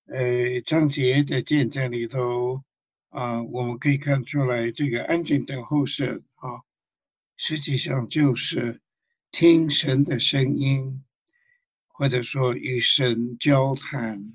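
A man calmly leading a prayer meeting, with many fillers. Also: mid-range voice, husky, dry recording, dull audio. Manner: calm, unhurried, with fillers. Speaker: meeting leader.

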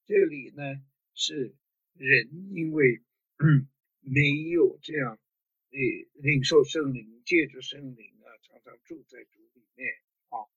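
A male preacher gives a sermon in a husky, breathy voice. He talks haltingly, full of fillers, and poses rhetorical questions. The recording is dry and a little dull. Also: a little high, fairly bright tone, no room sound. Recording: dull lo-fi sound.

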